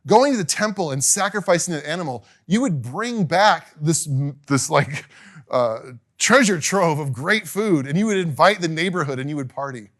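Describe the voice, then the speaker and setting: Middle-aged guy teaching a class, chatty and animated, voice a bit high. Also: moderate pace. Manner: animated, chatty, acts out quotes with laughs. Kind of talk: casual classroom lecture.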